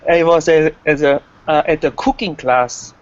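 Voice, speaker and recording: Slow, halting male English learner. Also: a little high, fairly even intonation, lo-fi sound. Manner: halting, searches for words. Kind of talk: casual class chat.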